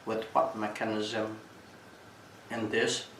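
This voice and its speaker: A man with a Burmese accent giving a Buddhist talk as a teacher, telling stories in a deliberate, halting way and repeating phrases for emphasis. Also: fairly low pitch, little pitch movement, fairly bright tone. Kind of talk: dhamma talk with storytelling. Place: echoey room at a retreat. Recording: distant mic, echoey room, background hiss.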